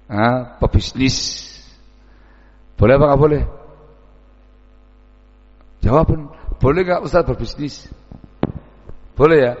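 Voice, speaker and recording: Gravelly preacher. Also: male voice, mid-range voice. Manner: animated, mixes in Javanese words, mimics townsfolk. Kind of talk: dawn sermon. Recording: dull, echoey hall recording.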